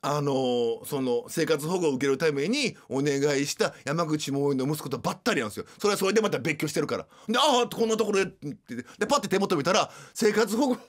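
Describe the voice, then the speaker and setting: A man's voice: on the high side, expressive, brisk, hardly any pauses. A man with a Kansai accent, hosting a radio show and animatedly retelling scenes in casual storytelling. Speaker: radio host.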